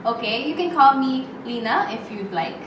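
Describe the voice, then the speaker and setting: A woman's voice: fairly high pitch, animated, moderate pace. A young woman, leading a role-played group therapy session as student occupational therapist and giving friendly step-by-step instructions. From Philippines. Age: young adult. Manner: friendly, guiding instructions with frequent okays. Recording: roomy distant recording with background noise.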